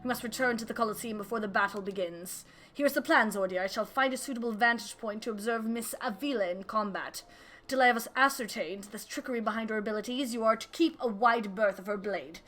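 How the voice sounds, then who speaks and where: A woman's voice: a little high, brisk, a bit bright, pitched below the performer's own voice, natural voice. A woman voicing a formal, impatient strategist from a video game with clipped, haughty diction. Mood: terse, commanding.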